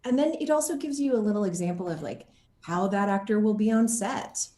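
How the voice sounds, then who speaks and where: Speaking fairly quickly at a medium pitch, an actress in an interview chats casually and tells lively, expressive stories. Along the way she acts out quotes from others, and her voice bounces around an echoey room.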